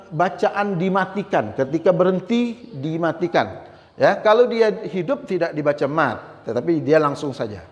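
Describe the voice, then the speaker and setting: A man with a high voice teaches Quran recitation rules, moving through each point step by step and often checking in with a quick "ya". Now and then he slowly chants a recitation example before going on with the explanation. His voice carries a long reverb tail, as if spoken in a large echoing room.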